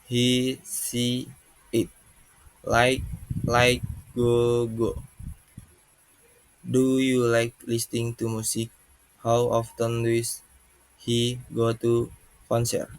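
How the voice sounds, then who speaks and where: A man presenting an English grammar lesson as a student, reading it out word by word in a halting way. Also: mid-range voice, monotone, no room sound, poor audio.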